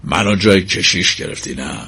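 Guy reading as a big gruff church sexton in a storybook, blunt and brusque, kind underneath, dry close sound. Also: low voice, lively intonation, bright, forceful tone, dry recording, voice pushed down, heavily acted. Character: burly Irish male church sexton, gruff but kindly.

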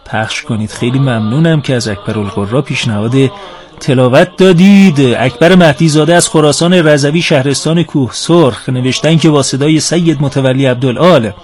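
A man hosting a religious radio program in a calm, reverent and courteous way, speaking into a studio microphone. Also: medium pitch. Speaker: radio host.

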